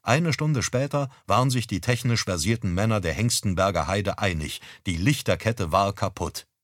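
A man reading a humorous story aloud in a wry, expressive storytelling manner. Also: fairly low pitch, normal speed, dry recording, studio quality. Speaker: audiobook reader.

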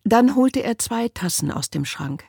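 A woman narrating an audiobook in a calm, measured storytelling manner. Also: fairly high pitch, gravelly, breathy edge, dry recording, clean studio sound. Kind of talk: scripted narration.

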